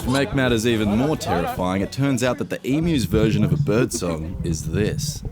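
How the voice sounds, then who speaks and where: A man's voice: lowish voice, expressive, normal speed, loud music behind the voice. A young man giving wry, mock-dramatic scripted narration over a travel vlog. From Australia.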